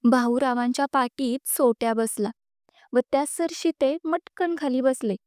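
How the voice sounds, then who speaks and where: High-voiced woman storyteller, smooth and mellow. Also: unhurried, no room sound, clean studio sound. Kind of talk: storytelling narration.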